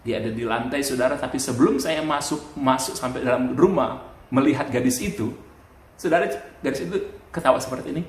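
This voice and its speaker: A middle-aged male pastor preaching a sermon, telling a story with lively swings and often turning to address his listeners directly. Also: mid-range voice, brisk. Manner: animated storytelling, constantly addressing listeners as brothers and sisters. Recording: echoey hall with faint ambience.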